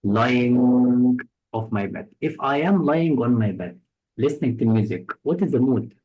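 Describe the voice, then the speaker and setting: A male English teacher with an Egyptian accent walks a student through vocabulary words. He speaks slowly and unhurriedly at a mid pitch, piling up examples and synonyms to pin down each meaning. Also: lively intonation, a little mellow, poor audio. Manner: patient, explains with many examples and synonyms. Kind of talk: test-prep lesson explaining words.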